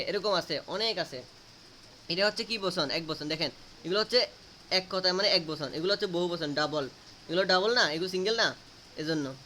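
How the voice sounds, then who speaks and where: A man's voice: high voice, bright, forceful tone, a little hiss or hum. A man teaching a grammar lesson, asking students questions and repeating answers to drill them.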